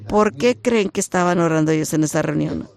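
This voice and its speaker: A man preaching a sermon, talking in a shy, halting way that rises into emphatic bursts. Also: on the high side, vocal fry.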